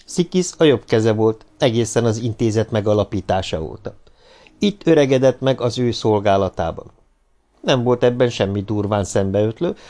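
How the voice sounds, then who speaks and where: A man narrating a novel as an audiobook reader, in a measured, even reading. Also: on the low side. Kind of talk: scripted narration.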